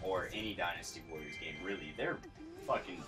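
A man's voice: sits low, a little fast. A young man casually commentating a video game while he plays, laid-back and profane, laughing often. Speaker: gameplay commentator. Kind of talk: casual let's-play chat. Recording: distant mic with game music.

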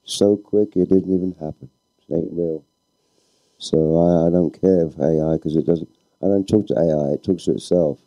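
A man's voice: low voice, steady tone, moderate pace, warm tone, no echo, poor audio. A man speaking on a live panel in a laid-back, philosophical way. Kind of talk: panel discussion.

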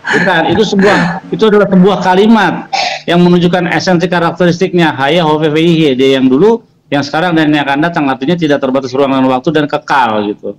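A man's voice: a little high, fairly quick, a little hiss or hum, low-quality recording. A man explaining religion informally in a debate, didactic and emphatic, often repeating key phrases.

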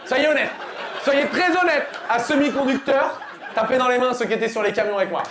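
Guy doing crowd work onstage, handheld mic, echoey club, quick teasing jabs. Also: very high voice, noisy background. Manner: teasing, loud bursts of punchlines, quick asides. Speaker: stand-up comedian. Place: comedy club stage, dark curtain backdrop. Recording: roomy club with loud crowd. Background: audience laughing.

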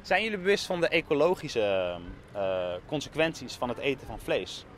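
A young adult man from the Netherlands conducts a street interview on a busy town street, holding a mic with a fur windscreen amid faint street noise. His medium-pitched, fairly bright voice swings widely in pitch at normal speed as he asks probing, persistent questions.

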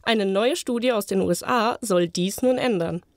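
A young woman co-hosting a student podcast, presenting in a clear, scripted way. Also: mid-range voice, moderate pace, no echo, clean studio sound. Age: young adult. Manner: clear, read-from-script delivery. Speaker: podcast co-host, journalism student.

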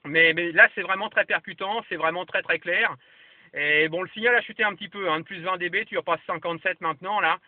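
A man acting as a radio operator passes along signal reports in easy, casual conversation while sitting in a parked vehicle. He speaks fairly quickly in a high-pitched voice. Recorded on a camera, the audio is lo-fi, muffled, and dry with no room sound.

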